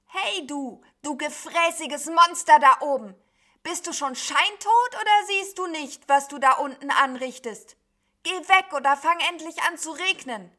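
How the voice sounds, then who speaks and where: A woman putting on a loud scolding storybook sheep. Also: sits high, unhurried, pitched above the performer's own voice. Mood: shouting scold. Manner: scolding, shouting. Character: loud cheeky grumbling female sheep.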